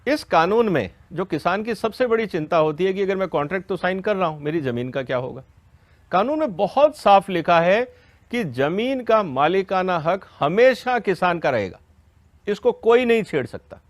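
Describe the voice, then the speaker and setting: A man's voice: sits high, lively intonation, moderate pace, no room sound. A man giving an educational question-and-answer explanation, didactic and step by step, often checking that listeners follow. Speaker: expert explaining a law to farmers.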